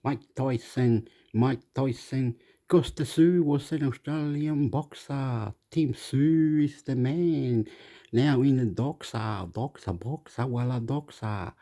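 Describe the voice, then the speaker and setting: A man's voice: mid-range voice, slow, dark tone. A man from Chile, rambling through casual commentary, repeating himself and laughing often. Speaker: vlogger commenting on a video.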